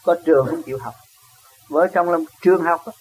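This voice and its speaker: Southern vietnamese man giving a dharma talk, high voice, a bit husky, keeps asking "see?" and chuckling. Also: brisk, a little mellow, rough recording. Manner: chuckles often, asks rhetorical questions. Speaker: spiritual teacher. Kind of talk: dharma talk answering a question.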